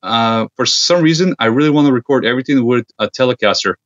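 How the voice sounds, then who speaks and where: A man's voice: medium pitch, fast, fairly bright tone. A man from Serbia, guesting on a podcast in easygoing, hesitant casual chat. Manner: easygoing, many fillers and hesitations. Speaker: guest, gear company founder. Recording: dull lo-fi sound.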